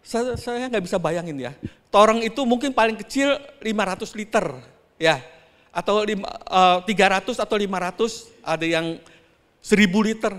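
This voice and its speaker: A man pastor preaching a sermon, telling a story dramatically and often turning straight to the congregation, with his voice swinging between soft and loud. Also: high voice, moderate pace, big-room sound. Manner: often addresses the congregation directly. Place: church.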